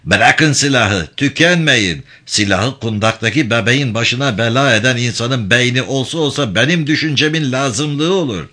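A man voicing a stubborn old male sage who preaches against weapons in a slow, lofty, proclaiming way. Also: medium pitch, lively intonation, sharp tone. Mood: preaching, defiant.

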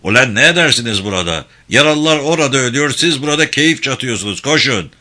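A man's voice: mid-range voice, brisk, pushed and bright, voice pushed up, close to an everyday voice. A man voicing a young soldier messenger who scolds the medics urgently. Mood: scolding.

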